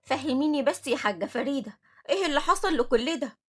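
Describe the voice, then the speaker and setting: A woman's voice: sits high, lively intonation, quick pace. A woman reading a scheming older orphanage supervisor with an Egyptian accent. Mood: defensive. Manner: defensive, protesting.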